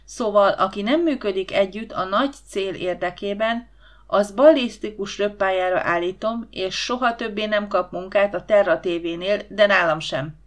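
Female reader voicing a loud, domineering male director in an audiobook. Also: close to an everyday voice. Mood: commanding. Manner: booming, commanding.

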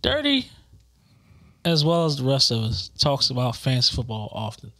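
A man's voice: mid-range voice, normal speed, dry recording, studio quality. A man co-hosting a casual podcast chat among friends, rambling with lots of fillers. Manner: animated, rambling with many "like" fillers. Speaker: podcast co-host.

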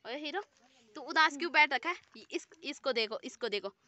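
A woman's voice: high-pitched, lively intonation, normal speed, bright, forceful tone, no echo. A woman vlogger chatting with children outdoors, teasing and scolding them in a friendly way. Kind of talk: casual chat. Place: outdoors in a hill village.

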